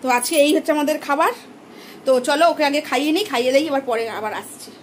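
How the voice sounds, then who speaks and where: A woman's voice: high voice, fast talker, slight background noise, low-quality recording. A woman vlogging her day as a mother, talking straight to her viewers in a chatty, casual way. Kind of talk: casual daily vlog narration. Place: outdoors on the street, then at home.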